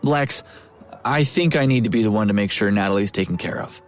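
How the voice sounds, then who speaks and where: A man's voice: fairly low pitch, brisk, faint music behind, lightly acted. A man voicing a protective young man who speaks earnestly and reassuringly.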